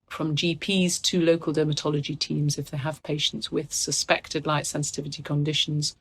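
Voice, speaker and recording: A woman speaking as a medical expert in an interview, explaining things in formal language. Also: low voice. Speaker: medical professor and unit head.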